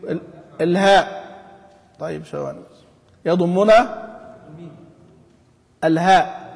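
A man's voice: high-pitched, steady tone, slow, creaky, darkish tone. Man, recitation teacher, tinged speech, quizzes students, stretches example words, reverberant hall. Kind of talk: explaining a classical text to students. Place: mosque study hall.

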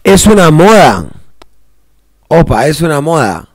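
A man's voice: a little high, very animated, a little slow, dry recording. A man with an Argentine accent, hosting a reaction video in a casual, rambling way, heavy on slang and restarts. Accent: Argentine Spanish. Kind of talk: casual commentary.

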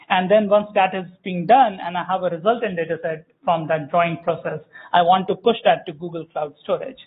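A man giving a live software demo at a tech meetup, explaining step by step with frequent fillers and self-corrections. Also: high-pitched. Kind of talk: live conference demo walkthrough. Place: meetup room, small audience. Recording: tinny phone-like room audio.

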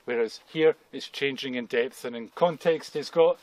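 Here the guide's voice is medium-pitched and darkish, moving at a moderate pace in a dry recording. He's a man in his fifties explaining rocks casually at an outdoor quarry face, often repeating himself for emphasis, and noise and clicks clearly mark the field audio.

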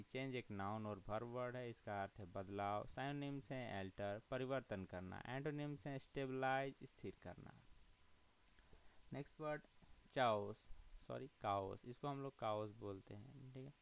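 A man's voice: mid-range voice, moderate pace, clear, resonant tone, rough recording. A man teaching vocabulary, spelling each word letter by letter and reading through lists of meanings, correcting himself now and then.

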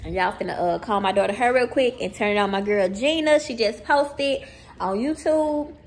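A woman's voice: mid-range voice, moderate pace, slight background noise. A woman, vlogging casually as a mother, chatty and playful, laughing often. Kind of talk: casual vlog chat. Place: out and about, car, mall and stores. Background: loud background music.

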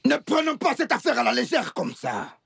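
An actor dubbing a menacing young gang enforcer in a film, raspy and threatening. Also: male voice, very high voice, wildly swooping pitch, moderate pace, no room sound, heavily acted. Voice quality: raspy, gravelly. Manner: threatening, pleading, with sudden shouts. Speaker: son of the gang matriarch. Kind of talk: dubbed film dialogue.

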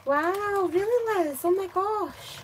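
Speaking slowly in a very high-pitched voice over background noise, a tired middle-aged Scottish woman hosts a live crafting session. She chats in a rambling way, interrupts herself and reads viewer comments, with an overhead camera over her craft desk capturing the audio.

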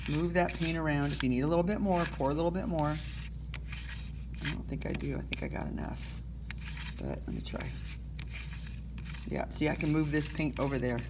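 Seated indoors at a table and filming her hands from overhead, a woman teacher guides students through an art project in a casual, self-deprecating way, saying okay and um a lot. Her low voice has lively intonation and a moderate pace with long pauses, over background noise.

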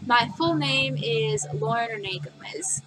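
Over music, a chatty young woman in her twenties rambles into a webcam at desk distance with a slightly high voice, lively intonation and measured pace. The vlogger giggles and uses many fillers in a casual facts-about-me video from her bedroom.

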